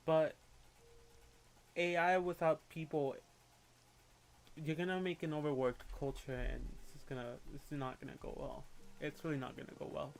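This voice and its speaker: This young Puerto Rican guy has a fairly high, gravelly voice and a flat delivery, with a bit of hiss or hum behind him. He's chatting on a livestream, opinionated and candid, quick to launch into a rant and swearing casually.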